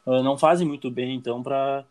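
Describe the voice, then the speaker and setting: A young man with a Brazilian accent speaks casually and pauses often. He hesitates and restarts, searching for his words as he answers questions. His voice sits at an ordinary middle pitch. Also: steady tone, darkish tone. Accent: Brazilian Portuguese. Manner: hesitant, many fillers and restarts. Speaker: guest.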